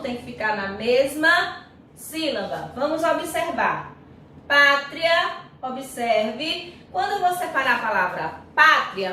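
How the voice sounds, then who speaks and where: A Brazilian woman teacher giving a grammar lesson, who sounds out syllables slowly and often checks in with her students. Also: high voice, fairly bright tone. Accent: Brazilian Portuguese. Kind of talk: recorded online grammar lesson. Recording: echoey room, voice far from mic, faint noise.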